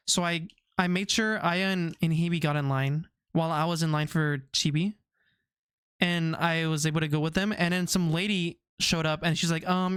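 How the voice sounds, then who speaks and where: Young male streamer, casual chat, rambling, laughing, smooth voice, dry close sound. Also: fairly high pitch, fairly bright tone, no echo. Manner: rambling, laughs often, tangents.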